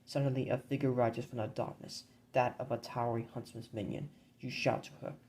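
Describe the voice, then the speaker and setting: Man reading grim game narration flatly. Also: mid-range voice, slight background noise, rough recording. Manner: measured, grim storybook reading. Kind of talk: scripted narration of a board game campaign.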